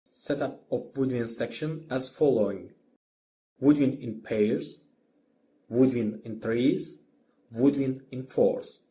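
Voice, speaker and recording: Taking his time, an orchestration teacher with an Azerbaijani accent narrates a scripted lecture in short, careful, methodical phrases. His voice is warm and mid-range, and there's a little noise in the background.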